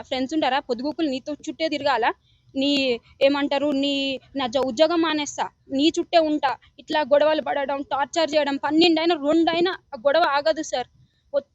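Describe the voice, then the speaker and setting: Talking quickly in a high voice, a young complainant pleads urgently with a news reporter, calling him sir again and again as she gives emotional testimony. The audio is dry and muffled.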